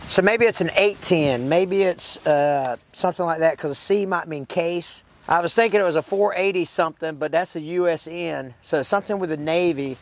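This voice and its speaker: A man hosting a casual outdoor video, folksy and excitable, laughing often as he talks. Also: on the high side, moderate pace, hardly any pauses. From Florida. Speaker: host. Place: outdoors in woods.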